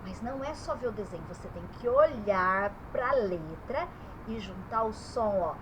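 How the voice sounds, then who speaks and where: A woman's voice: mid-range voice, expressive, moderate pace, background noise. A woman teaching young children about letters and vowel sounds in her bedroom, stretching the vowels as she speaks.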